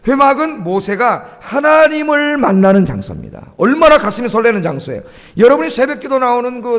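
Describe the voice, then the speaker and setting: A male pastor with a very high, fairly bright voice preaches a sermon, often asking the congregation questions and urging them on with emphasis. He is in a church sanctuary, and the recording carries the long reverb of a church hall.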